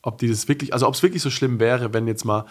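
A man's voice: mid-range voice, fairly even intonation, fast talker. A young man, a pro racer as a guest, chatting casually with many restarts, fillers and emphatic bursts. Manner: rambling, frequent restarts and fillers. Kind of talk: casual podcast chat.

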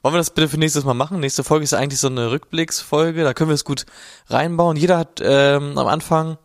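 A man hosting a relaxed podcast conversation, joking around and nudging his partner to perform. His voice is a touch higher than most men's. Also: quick pace. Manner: teasing, pushy, joking. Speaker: podcast co-host. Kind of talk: casual chat.

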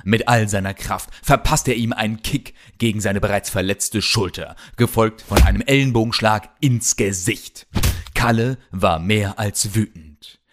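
A man's voice: lowish voice, a little slow, a little hiss or hum. A man narrating a children's adventure audiobook in a dramatic storytelling manner.

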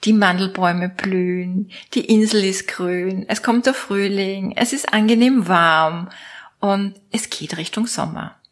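A woman's voice: mid-range voice, unhurried. A woman from Austria with an Austrian German accent, musing aloud to her viewers in a playful, casual monologue as a network marketing coach. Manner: playful, musing aloud, switching between options.

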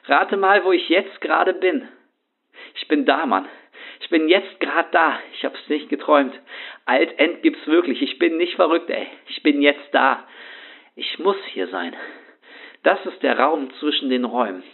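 Somewhat high and slightly rough, this man's voice moves a little slowly. Playing a shaken young homeless man, he rambles anxiously in street slang in a first-person horror monologue, heard through tinny, phone-like audio.

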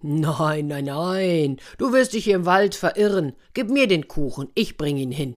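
A woman voicing a big, gruff, bossy male bear in a storybook reading, grumbling loudly. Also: low-pitched, expressive, measured pace.

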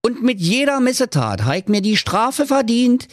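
A man's voice: very high voice, big pitch swings, normal speed, no echo, studio quality, pitched above the performer's own voice. A man voicing the ghost of a stingy old male business partner, delivering a solemn warning.

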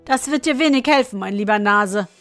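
A woman's voice: mid-range voice, brisk, a bit bright, soft background music, close to an everyday voice. A woman voicing a mocking, mysterious male guest who looks down on the cook, in a storybook reading. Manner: sneering, superior.

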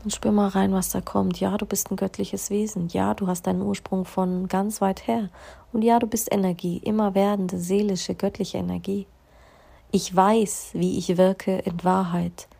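A woman giving a calm, meditative spiritual self-help monologue, slowing down on key phrases and sometimes dropping into a soft whisper. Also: medium pitch, gravelly, slightly rough. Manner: slow, drawn-out emphasis on key phrases.

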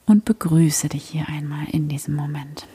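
A woman guiding a prayer meditation in a soft, breathy whisper, gentle and soothing. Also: low-pitched, flat delivery, normal speed.

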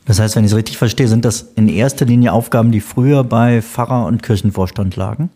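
A man's voice: on the low side, fast, dark tone, slightly rough. A man hosting a podcast interview, introducing his guest and asking questions.

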